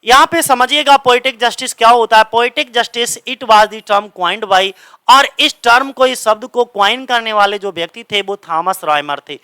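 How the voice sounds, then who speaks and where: A male teacher, his voice high and bright, runs an exam-prep lesson by firing a question and then answering it himself. He reads English lines slowly and then explains them in Hindi. His delivery is smooth and clear, recorded dry and close. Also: dry recording. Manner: drills with repeated questions and answers.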